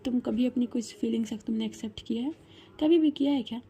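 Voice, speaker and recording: A woman's voice: on the high side, quick pace, warm tone, slightly rough. A woman voicing a hurt young female professor who scolds with emotion. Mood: reproachful. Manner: reproachful, emotional.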